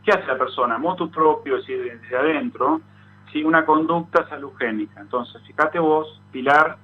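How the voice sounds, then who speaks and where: A man's voice: a little high, very animated, moderate pace, creaky, a little hiss or hum. Argentine man explaining over a tinny phone line. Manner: thoughtful, frequent "este" fillers. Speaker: psychologist guest. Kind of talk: explanatory interview talk. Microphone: phone call.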